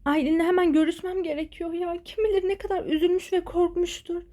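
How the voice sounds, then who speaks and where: A worried schoolgirl in a toy-figure story drama, played by a woman, anxious and urgent, with a high voice. She often drops to a hushed tone. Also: fairly even intonation, a little fast. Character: worried loyal schoolgirl friend.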